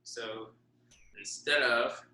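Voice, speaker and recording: A man's voice: medium pitch, steady tone, extremely slow. Man counting out drum rhythms. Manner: counts and vocalizes rhythms aloud. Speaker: drum teacher. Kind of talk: drum lesson with counting aloud. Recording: echoey room with loud noise. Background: metronome clicks.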